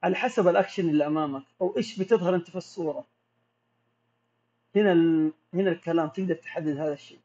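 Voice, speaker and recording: Man, Gulf Arabic accent, slightly high voice, casual Q&A, muffled lo-fi sound. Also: racing, long pauses. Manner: relaxed, explanatory, reads questions aloud. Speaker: macro photographer answering viewer questions. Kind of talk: casual live Q&A. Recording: dull lo-fi audio.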